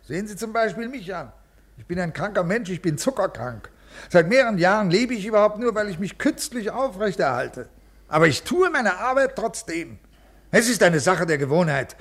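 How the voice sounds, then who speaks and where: Middle-aged official in classic radio play; husky, officious, rules first. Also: male voice, high voice, a bit bright. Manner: formal, officious. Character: stiff, rule-bound male official, weary and ailing. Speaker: government official. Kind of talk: classic radio drama acting.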